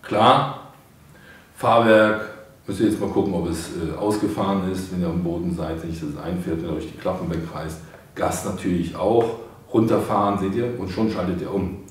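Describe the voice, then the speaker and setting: At an indoor studio desk with a painted backdrop, a middle-aged man gives hobbyists a casual product demo, informally walking viewers through it step by step. His low voice is steady at a moderate pace, recorded in a very echoey room with the mic far off.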